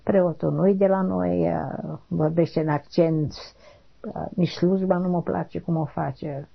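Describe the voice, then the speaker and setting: A woman, being interviewed for an oral history, talking haltingly, repeating short affirmations and trailing off quietly. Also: fairly low pitch, fairly even intonation, creaky. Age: 80s. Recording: dull lo-fi recording.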